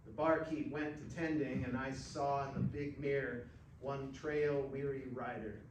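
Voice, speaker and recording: An actor reads a first-person short story aloud in a dramatic, folksy, unhurried cowboy style, his mid-range voice steady. He's recorded at a distance in a roomy space, with faint noise on the mic.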